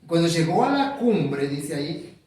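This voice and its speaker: A man's voice: fairly high pitch, very animated, a little slow, a little mellow, very echoey, recorded from a distance, low-quality recording. A man preaching a sermon, asking the congregation questions and repeating key words.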